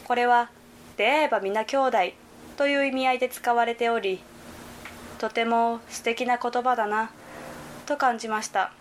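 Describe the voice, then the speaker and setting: Young woman, from Hyogo, scripted narration, careful reading, fairly high voice. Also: fairly even intonation, moderate pace, pauses often, slight background noise. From Hyogo Prefecture, Japan.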